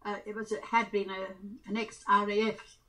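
A very old woman, over a hundred, recalling things in casual conversation and halting now and then to repeat or search for words. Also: medium pitch, little pitch movement, pushed and bright, rough recording. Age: over 100. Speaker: interviewee. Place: small room at home, indoors.

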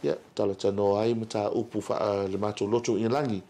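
A middle-aged man with a Samoan accent, talking casually as an interview guest, with frequent pauses and repeats. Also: fairly low pitch, little pitch movement, mellow. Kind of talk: casual interview talk, mixing Samoan and English. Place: indoor interview set.

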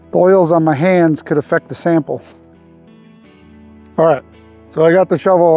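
A man in his forties hosts a homesteading vlog, talking through a farm task in a relaxed, unhurried way with plenty of fillers. His voice is mellow and a touch high, picked up dry on a lapel mic out in an open field. Soft music plays faintly behind him. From Arkansas. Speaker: homesteading channel host. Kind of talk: casual instructional vlog.

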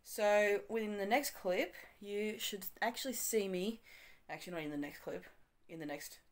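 Filming a casual day-in-the-life vlog on a phone camera that's held or propped up, a young Australian woman talks through her morning in a small bedroom. She's chatty and rambling, often correcting herself and saying um, in a slightly croaky, medium-pitched voice at normal pace.

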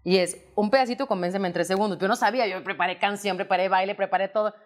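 Mexican woman telling lively stories. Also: mid-range voice, fast talker. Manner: lively anecdotes with acted-out quotes. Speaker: interview guest, singer and actress. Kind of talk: casual storytelling interview.

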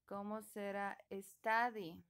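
A woman's voice: medium pitch, level tone, takes it slowly, a bit bright, smooth. A woman teaching an online class, patiently prompting her students and coaxing them to answer. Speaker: English teacher.

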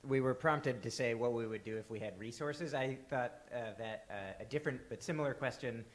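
A man in his thirties in a conference room asking a question through a handheld mic, hesitant with many pauses and fillers. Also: medium pitch. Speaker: audience member asking a question.

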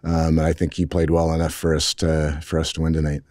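A middle-aged man with a very low voice speaks into a cluster of table microphones at a post-game press conference. He answers frankly and measuredly, restarting sentences often. The sound is dry and close. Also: completely flat delivery, brisk, darkish tone, dry recording. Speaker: head football coach. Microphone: table mics in front.

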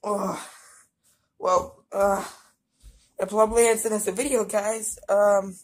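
A woman vlogging casually while in burning pain from a hot pepper, stammering and halting with many fillers. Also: mid-range voice, little pitch movement. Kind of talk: casual vlog.

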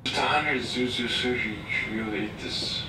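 A man's voice: medium pitch, normal speed. A young man sleep talking, mumbling slurred, rambling phrases, recorded overnight by a phone beside his bed. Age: young adult. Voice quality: mumbled, indistinct speech. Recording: noisy, echoey overnight phone-app recording.

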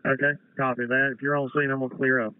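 A fire battalion officer coordinating units over two-way radio in brisk, procedural exchanges. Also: male voice, medium pitch, flat delivery, clean tone, narrow, tinny audio. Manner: brisk, procedural call-and-response. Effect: two-way radio transmission. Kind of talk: terse fire radio traffic.

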